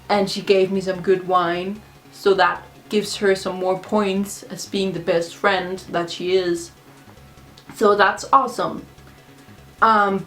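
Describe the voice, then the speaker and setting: A drunk woman who is not a native English speaker, rambling casually and confessionally in a video blog, often repeating herself. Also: medium pitch. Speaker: video blogger. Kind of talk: casual rambling monologue to camera.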